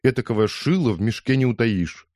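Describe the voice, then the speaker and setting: For an audiobook, a man voices an outraged, indignant older woman, a loud gossiping mother who scolds and rambles. His mid-range, darkish voice is animated and fairly quick, pitched a bit above his natural register yet close to an everyday voice, recorded cleanly in a studio with no echo.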